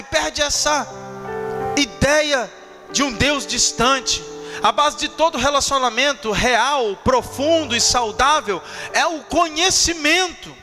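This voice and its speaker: High-voiced preacher over music. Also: male voice. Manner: preaching with sudden swings from loud to low; acts out playful family voices in his teaching. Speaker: pastor. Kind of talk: sermon.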